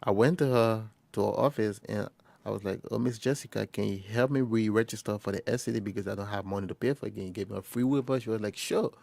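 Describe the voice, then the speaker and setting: A young man from Liberia speaks in a low, gravelly voice, recorded close in a dry, quiet space. He tells his story haltingly, restarting phrases and acting out short exchanges. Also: no echo. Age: young adult. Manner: halting, with frequent restarts and quoted dialogue. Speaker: interviewee, first-year college student. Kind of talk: personal storytelling interview.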